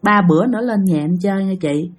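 A woman's voice: medium pitch, quick pace, lightly acted. A woman voicing a kind younger brother who insistently coaxes his older sister. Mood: pleading. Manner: coaxing, insistent.

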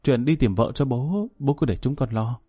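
A man's voice: medium pitch, normal speed, mellow, breathy edge, no room sound, clean studio sound, lightly acted. Man doing a persistent, coaxing grown daughter. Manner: coaxing, insistent.

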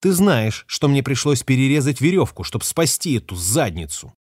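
A man voices a fierce, defiant young woman who captains a ship, pitching himself above his natural voice for this audiobook character. His medium-pitched, husky delivery swings widely in pitch at a moderate pace as she speaks sharply, hisses and curses, captured in a dry, studio-quality recording.

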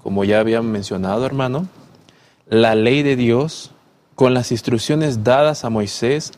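A man leads a Bible lesson discussion at a measured, even-handed pace in a mid-pitched voice. He speaks respectfully, saying amen and turning questions to his partner as brother. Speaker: lesson study leader.

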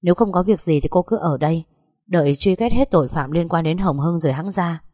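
A woman voicing a calm, earnest young policeman in a storybook reading. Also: on the low side, fairly quick, no echo, clean studio sound, lightly acted. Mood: reassuring. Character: earnest young male police officer, steady.

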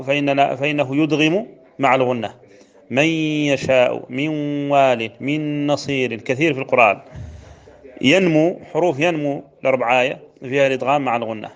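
A man teaching the rules of Quran recitation, drawing out verse lines slowly and then explaining them. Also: medium pitch. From Mauritania. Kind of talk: explanatory religious lesson. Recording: dull lo-fi recording.

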